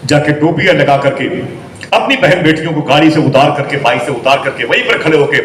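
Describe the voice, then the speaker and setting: A man's voice: fairly high pitch, a bit bright. A man preaching a storytelling sermon in a mosque, emphatic and often asking his listeners to agree. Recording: echoey hall, voice from a distance, faint noise.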